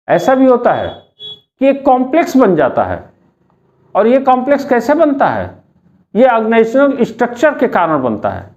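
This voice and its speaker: High-voiced Indian man lecturing. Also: a little mellow, muffled recording. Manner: explains slowly, repeats key terms as questions. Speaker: teacher. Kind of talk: classroom lecture.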